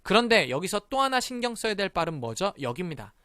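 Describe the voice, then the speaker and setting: A man in his thirties teaching Spanish pronunciation in a live online lesson, leading the class in repeat-after-me drills and sounding syllables out slowly. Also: sits high, sing-song, sharp tone, dry recording, studio quality. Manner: leads repeat-after-me drills with a cheerful call of "start".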